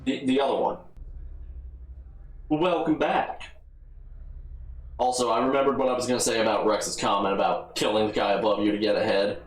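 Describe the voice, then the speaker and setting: A man's voice: on the low side, little pitch movement, fast, echoey room, low-quality recording. A man giving casual, rambling gameplay commentary with a wry humor, often correcting himself. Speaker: let's play host.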